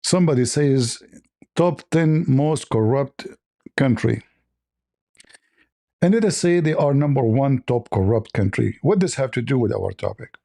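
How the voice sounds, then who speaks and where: A man's voice: medium pitch, creaky, mellow. A man hosting a livestream, giving mocking, sarcastic commentary and repeating phrases for emphasis. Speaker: livestream host.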